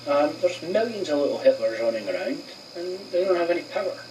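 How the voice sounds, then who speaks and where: A man speaking slowly and hesitantly in a clip replayed inside a response video. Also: a little high, lively intonation. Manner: slow, halting, hesitant. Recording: distant mic with faint hiss, replayed clip.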